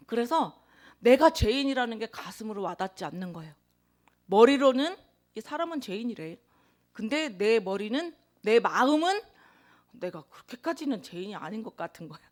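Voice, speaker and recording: A woman preacher delivering a sermon in a somewhat high voice. She tells her story earnestly and leans into key words with sudden bursts of volume. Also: sing-song, moderate pace. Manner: earnest confessional storytelling with emphatic swells; introverted by her own account.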